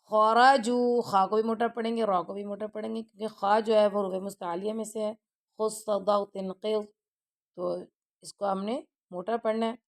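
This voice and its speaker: A woman teaching Quran recitation, chanting verses slowly and then explaining the rules quickly. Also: medium pitch, darkish tone. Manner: slow drawn-out recitation alternating with quick explanations; repeats phrases and checks with "theek hai". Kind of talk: tajweed lesson, recitation with explanation.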